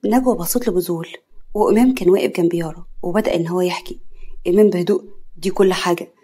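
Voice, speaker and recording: A woman with an Egyptian accent narrating a dramatic family story in a brisk, matter-of-fact way. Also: on the low side, mellow, breathy edge. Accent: Egyptian Arabic.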